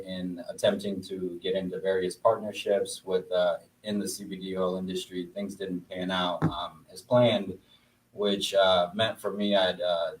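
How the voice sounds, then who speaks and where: A man in his thirties from Bosnia explains things in a measured way, with plenty of pauses. His voice is very deep and stays flat. He sounds set back from a distant mic, over a faint hiss. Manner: measured, lots of "uh" fillers. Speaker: guest entrepreneur. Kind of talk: casual interview chat.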